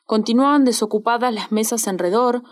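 Female audiobook narrator, Rioplatense, measured and expressive. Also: a little high. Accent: Rioplatense Spanish. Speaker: audiobook reader.

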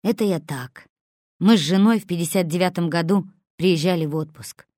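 A woman's voice: lowish voice, normal speed, warm tone, no room sound, studio quality, natural voice. A woman voicing a fussy, stingy middle-aged male crook who nags impatiently. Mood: grumbling. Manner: nagging, impatient.

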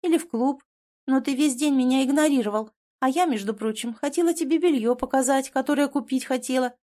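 A woman voicing a capricious, clingy young woman in an audiobook, with a pouty, whiny, shrill manner. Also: brisk, warm tone, close to an everyday voice. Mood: pouty, wheedling. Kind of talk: audiobook character voice.

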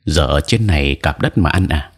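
A man voicing a stern, gruff middle-aged father in an audio story. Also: rumbling low, lively intonation, normal speed, full character voice.

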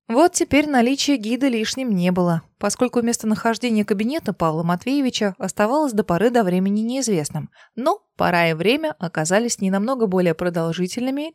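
A woman narrating an audiobook in a lively, ironic storytelling manner. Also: medium pitch, dry recording, studio quality. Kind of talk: audiobook reading.

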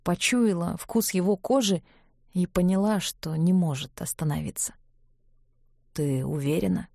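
A woman reading an audiobook in a calm, measured narration. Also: lowish voice, gravelly, no room sound, clean studio sound.

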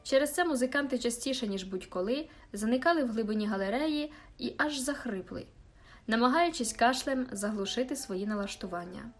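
A woman reads a classic novel aloud as an audiobook, telling the story calmly. Her voice is fairly high for a woman, and soft music plays faintly underneath. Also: fairly quick. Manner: calm storytelling reading. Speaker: audiobook narrator. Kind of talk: scripted narration.

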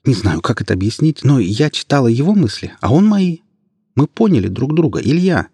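A man voicing a young woman, a budding witch, speaking calmly, coldly and firmly in an audiobook. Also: medium pitch, fairly quick, breathy edge, dry recording, studio quality, voice pushed up. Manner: calm, cold and firm.

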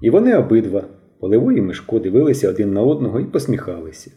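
A man's voice: fairly low pitch, sing-song, very fast, mellow. A man reading a novel aloud as an audiobook narrator, telling the story expressively. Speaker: audiobook reader. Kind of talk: scripted narration.

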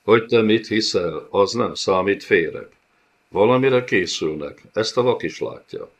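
A man's voice: on the low side, lightly acted. Man voicing a hissing cruel monster lord. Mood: menacing. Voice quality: hissing, thundering. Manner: scornful, domineering. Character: cruel clawed male monster lord, menacing. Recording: dull lo-fi audiobook recording.

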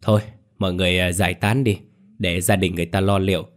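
A guy doing a tough village elder, firm and commanding, low voice. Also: fairly even intonation, fast talker, natural voice. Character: strong, resolute older village man.

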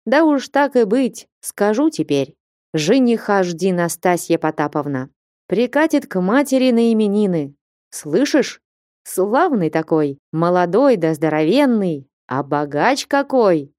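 A stern old merchant father with a hot temper bellows his commands. A woman voices him in a storybook reading, her tone warm and mellow, close and dry. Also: medium pitch, sing-song, a little slow, no room sound. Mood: coaxing. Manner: commanding, blustering, shouting in anger.

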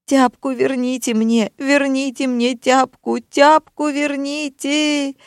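Woman putting on a whiny sobbing boyfriend, voice way up high and pleading. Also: fairly even intonation, slow, no room sound, studio quality. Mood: whining. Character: panicky young boyfriend, whining and sobbing.

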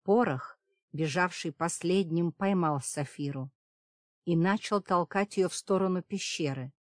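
A woman reading a fantasy audiobook as first-person narration, in a steady dramatic storytelling manner. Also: fairly low pitch, unhurried, no room sound, studio quality. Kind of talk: scripted narration.

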